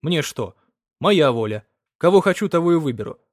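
A man reading the part of a gruff, anxious young peasant in an audiobook. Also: on the high side, big pitch swings, normal speed, no room sound, studio quality. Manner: gruff and curt.

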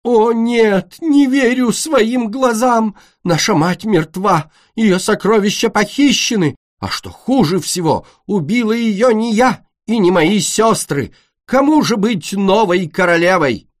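A man's voice: medium pitch, very animated, a little slow, husky, no echo, clean studio sound. A man voicing a bossy young female dragon who directs the others' play in a storybook reading. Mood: mock-grieving. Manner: commanding, dramatic.

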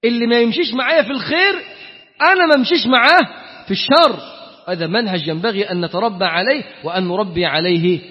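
An Egyptian preacher talks quickly and emphatically in a fairly high voice, his volume swinging from loud to quiet. The recording is dull and lo-fi, with a long reverb like a large hall. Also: expressive. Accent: Egyptian Arabic. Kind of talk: colloquial sermon.

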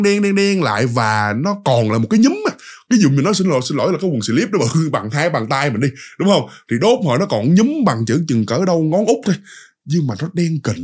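A man tells a ghost story in a chatty, casual way, speaking straight to his listeners. He has a Southern Vietnamese accent and a slightly high voice. His pitch rises and falls widely as he tells it. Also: husky. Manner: animated, chatty, addresses listeners directly.

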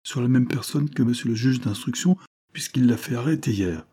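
Un homme qui prête sa voix, dans un livre audio, à un agent de police franc et enthousiaste, au ton ardent et sincère. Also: male voice, mid-range voice, normal speed, dark tone, slightly rough, pitched above the performer's own voice, natural voice. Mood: earnest, eager. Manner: frank, enthusiastic, earnest. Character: eager, outspoken male police agent. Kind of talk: audiobook character reading.

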